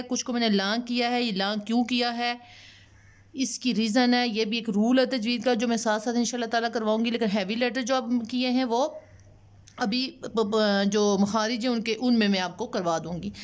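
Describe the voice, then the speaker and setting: A woman teaching Quran recitation, explaining each letter's sound patiently, repeating sounds and slipping in English terms, with speech. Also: on the high side. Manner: slow drawn-out chanting for letters and prayers. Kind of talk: tajweed lesson, explaining letter pronunciation.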